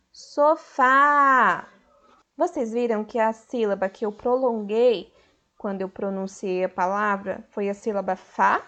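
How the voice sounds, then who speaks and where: A woman teacher with a Brazilian Portuguese accent, giving a recorded school lesson slowly and clearly, stretching the stressed syllables of her example words. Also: mid-range voice, muffled recording. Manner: slow, clear, patient explaining to children.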